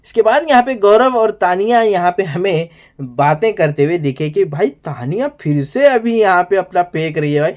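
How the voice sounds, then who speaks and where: A man's voice: high-pitched, animated, normal speed. A male TV show reviewer talks through an episode recap in a loose, rambling way. He keeps calling the viewer "brother" and drops exasperated asides. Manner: rambling, fills every sentence with "here" and "brother". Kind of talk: casual episode recap and commentary.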